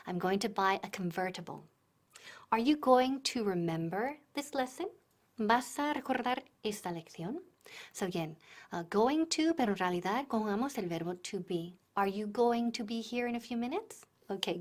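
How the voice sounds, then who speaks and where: A woman teaches English to Spanish speakers at an unhurried pace, switching between English examples and Spanish explanations. She breaks each point down step by step and models sounds for the listener to repeat. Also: medium pitch, expressive. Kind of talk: bilingual classroom-style lesson.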